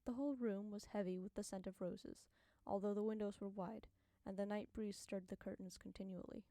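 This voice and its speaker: A woman reading an audiobook as narrator, in a measured, unhurried manner on a close studio microphone. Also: medium pitch, steady tone, dark tone, no echo. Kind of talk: scripted narration.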